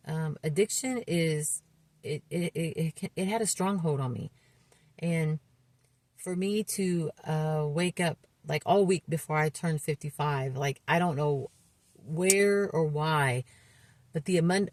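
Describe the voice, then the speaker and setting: A woman in her mid-fifties talks frankly about her life in a low, grounded voice. She speaks earnestly and haltingly, often restarting her sentences. The sound is close and dry, with no room around it. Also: dry recording. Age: 50s. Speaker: recovery vlogger. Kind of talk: candid personal testimony.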